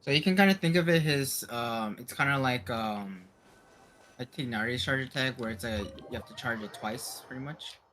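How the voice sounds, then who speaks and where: Bright-voiced man explaining a game casually. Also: medium pitch, normal speed, slight background noise. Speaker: streamer's gaming companion.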